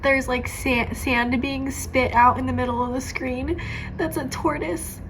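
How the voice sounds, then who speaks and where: A tearful woman talking casually and haltingly in an emotional, confiding personal vlog. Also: high-pitched, steady tone, background noise. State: tearful, crying. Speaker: vlogger sharing a personal update.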